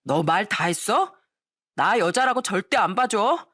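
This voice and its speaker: A woman voicing a loud, spiteful teenage schoolboy bully who taunts and sneers. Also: mid-range voice, expressive, a little slow, husky, no room sound, studio quality. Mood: angry.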